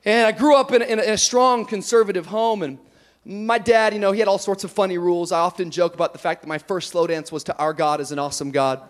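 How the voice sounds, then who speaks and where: A male pastor preaching an animated sermon, telling stories with humor and rising to emphatic shouts. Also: high voice, quick pace.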